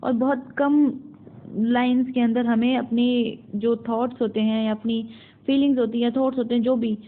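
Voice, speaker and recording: A woman with an Indian accent teaches a syllabus topic, walking through each point and then rephrasing it. Her voice sits a little high. The sound is narrow and phone-like, as if recorded on a basic device. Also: level tone, moderate pace. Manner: explains in Hindi mixed with English terms, repeating and rephrasing. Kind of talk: explaining a university English syllabus topic.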